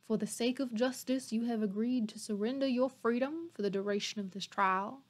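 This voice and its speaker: A woman voicing a grave male courtroom judge with a put-on Georgia accent, speaking in slow, measured formal address during an audiobook read-aloud. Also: on the high side, natural voice. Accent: put-on Georgia drawl.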